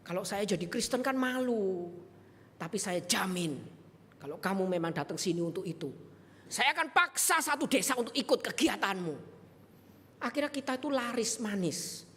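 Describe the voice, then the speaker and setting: A woman's voice: medium pitch, moderate pace. A woman preacher, delivering a sermon and acting out the people in her stories. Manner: animated storytelling, acts out dialogue. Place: church sanctuary. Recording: reverberant church hall.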